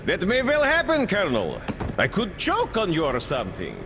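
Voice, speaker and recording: An actor playing a smug, mocking cannibal leader who talks like a polite official, in a video game. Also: male voice, high-pitched, huge pitch swings, moderate pace, big-room sound, background noise, full character voice. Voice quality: mocking, smooth and theatrical.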